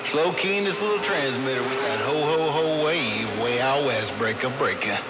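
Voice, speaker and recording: A man's voice: mid-range voice, animated, moderate pace. Man on very noisy, echoing CB radio. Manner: repeats his phrases. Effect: CB radio transmission. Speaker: CB radio operator. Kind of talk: CB radio chatter with trucker slang and repeated call-outs.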